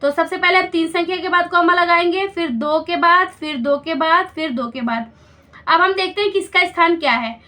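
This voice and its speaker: A woman's voice: very high-pitched, normal speed, sharp tone. A woman teaching a school maths lesson step by step, patiently explaining and checking understanding with questions.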